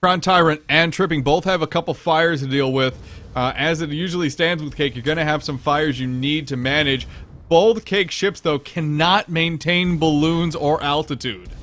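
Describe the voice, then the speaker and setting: A man commentating a competitive video game match, his voice sitting a touch above the usual male range. He breaks down positioning and tactics in an analytical way. When a ship takes heavy damage, his delivery suddenly turns excited. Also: a little high, moderate pace. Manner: analytical, explains tactics, bursts of excitement at big plays. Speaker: esports commentator.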